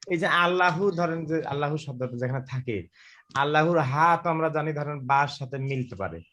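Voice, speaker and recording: A man with a somewhat high voice asks follow-up questions in an online lesson. He speaks carefully and slows down to demonstrate pronunciations. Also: expressive, fairly bright tone. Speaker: student. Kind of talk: asking questions in an online class.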